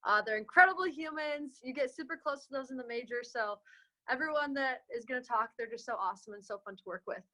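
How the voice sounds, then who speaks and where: A woman's voice: sits high, sharp tone, rough recording. A young woman moderating a casual student webinar over a video call, upbeat and chatty. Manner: upbeat, chatty, quick transitions.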